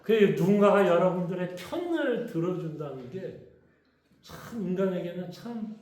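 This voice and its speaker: Pastor leading Bible study, high and animated voice, roomy echo, keeps quizzing his listeners. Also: normal speed. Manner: conversational, asks the congregation questions. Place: church hall. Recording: echoey church room.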